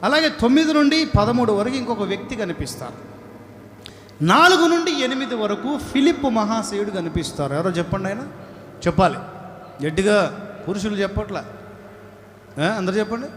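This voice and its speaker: A man delivers a fervent sermon in a high voice, urging his listeners to answer aloud. The recording is roomy and reverberant, like a large church hall. Faint ambient noise sits underneath. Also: animated, moderate pace, long pauses. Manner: exhorting, calls for congregational responses; dramatic wailing laments in a raised voice. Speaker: pastor. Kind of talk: Telugu sermon to a congregation.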